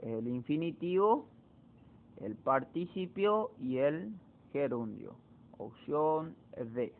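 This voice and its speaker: A man teacher, walking students through exam answers slowly, repeating key words to drive them home. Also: on the high side, lively intonation, creaky. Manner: slow, repetitive explaining, repeats key words. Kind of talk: exam walkthrough lesson. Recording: tinny phone-like audio.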